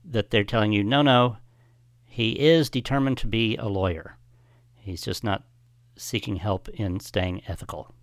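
A fairly low-voiced man works through a plot point in a hesitant, halting way, full of uhs and restarts. The sound is dry and close, with no room around it. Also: no echo. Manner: hesitant, many fillers, explanatory. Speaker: podcast co-host. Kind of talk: casual TV recap discussion.

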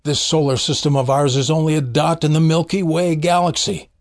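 A middle-aged or older man delivering a devotional podcast monologue as a preacher, earnest and measured with emphatic phrasing. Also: on the high side, steady tone.

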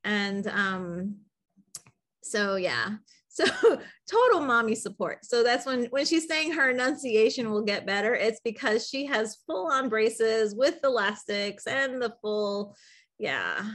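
High-voiced woman co-hosting a podcast. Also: lively intonation, takes it slowly, a bit bright. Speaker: podcast co-host. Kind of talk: casual chat.

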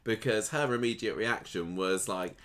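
A man's voice: lowish voice, normal speed, fairly bright tone. A man co-hosting a podcast, chatting casually about a soap and quoting characters' reactions. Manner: chatty, laughs often, quotes reactions. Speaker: podcast co-host. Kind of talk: casual chat recapping a soap.

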